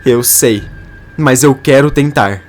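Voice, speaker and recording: Brief: man voicing young soap heroine, grieving and resolute, unhurried reading. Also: mid-range voice, faint music behind, close to an everyday voice. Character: young woman, grieving and determined daughter.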